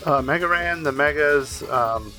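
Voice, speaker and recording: A man's voice: a little high, measured pace, bright, forceful tone, faint music behind. A man co-hosting a podcast in casual chat, talking hesitantly with lots of "like" and "um". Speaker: podcast co-host.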